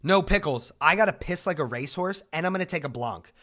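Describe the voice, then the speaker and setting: A man's voice: on the high side, animated, fast, pushed and bright. A young man chatting casually on a livestream, restless and jokey, swearing when frustrated. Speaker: streamer.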